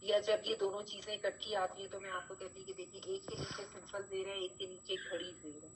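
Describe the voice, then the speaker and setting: A woman's voice: mid-range voice, level tone, a little fast. Patient woman teaching a recitation class. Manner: patient, repeats key points, frequent "theek hai" checks. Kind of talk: online class lecture. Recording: slightly dull, faint background noise.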